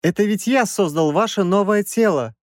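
A man doing a shrill whiny old professor. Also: moderate pace, dry recording, clean studio sound, close to an everyday voice. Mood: excited, shrill. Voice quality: shrill, squealing. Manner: pleading, fussy, indignant. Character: whiny old male mad-genius professor. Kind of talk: audiobook character voice.

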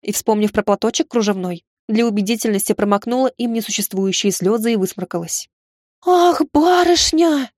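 A woman's voice: mid-range voice, fairly even intonation, fast, few pauses, darkish tone, dry recording, clean studio sound. A woman narrating a first-person fantasy romance audiobook in a wry, ironic tone.

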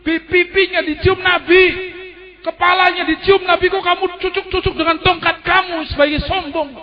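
A man's voice: very high-pitched, little pitch movement, normal speed, voice pushed up. A man voicing a grieving, defiant noblewoman who scornfully accuses a cruel ruler, in a sermon story. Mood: outraged. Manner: accusing, challenging tone. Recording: dull lo-fi recording.

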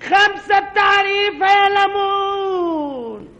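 A man plays a quarrelsome wife in an old radio comedy sketch, her voice very high and sharp as she scolds and shouts insults. Every line is a jab or a complaint. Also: takes it slowly, dull audio, exaggerated voice. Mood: bickering. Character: shrill quarrelsome wife, middle-aged woman.

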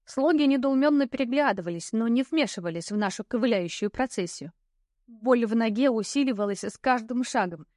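A woman narrating a fantasy audiobook in the first person, with lively, ironic storytelling. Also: fairly high pitch, dry recording, clean studio sound.

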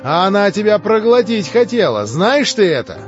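A man's voice: a little high, sing-song, takes it slowly, faint music behind, pitched above the performer's own voice. A male audiobook reader voicing a sneering, overfamiliar young man who jeers, in a dry, slightly dull recording. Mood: spiteful. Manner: jeering, easily offended.

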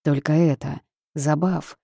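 A woman's voice: low voice, steady tone, takes it slowly, gravelly, mellow, husky, dry recording, clean studio sound, heavily acted. A woman voicing a secretive, gluttonous male forest creature with a wry, teasing manner. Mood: urgent.

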